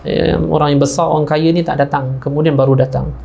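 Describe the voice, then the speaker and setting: Malaysian male preacher, mellow tone, lively storytelling sermon with voiced characters. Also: a little fast, vocal fry, lo-fi sound. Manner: animated storyteller, acting out characters with raised pitch. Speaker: ustaz preacher.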